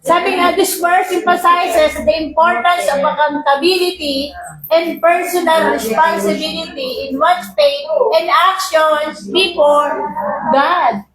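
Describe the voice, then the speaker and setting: A woman's voice: extremely high pitch, steady tone, unhurried, a crowd in the background. A woman preacher giving a sermon to her congregation, often asking them for agreement and mixing in English Bible quotes. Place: church hall. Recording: roomy echo.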